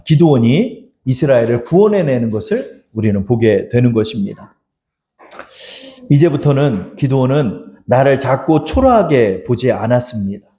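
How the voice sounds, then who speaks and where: A male pastor preaches in an echoing church hall, urging on the congregation and addressing them in God's voice. He sounds a little high-pitched and mellow.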